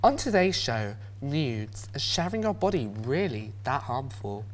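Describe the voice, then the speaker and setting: A man's voice: medium pitch, sing-song, unhurried, rough recording. A young man presenting a talk show in a campy drag queen manner, reading scripted links and questions. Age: young adult. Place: small TV studio set, indoors.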